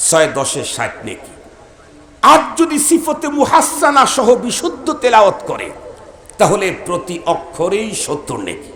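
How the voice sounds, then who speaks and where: A man's voice: a little high, a bit bright, echoey room. A man preaching a sermon to a gathering, repeating his points emphatically and putting questions to the crowd.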